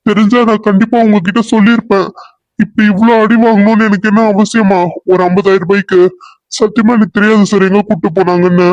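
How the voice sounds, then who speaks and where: A nervous hired man in a cartoon, voiced by a man, high-pitched and insistent as he denies everything. The recording is dry and a bit dull. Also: flat delivery, a little fast, a little mellow, no echo, natural voice. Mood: pleading. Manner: pleading, insistent denials. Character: hired male helper, scared and pleading. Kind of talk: cartoon serial voice acting.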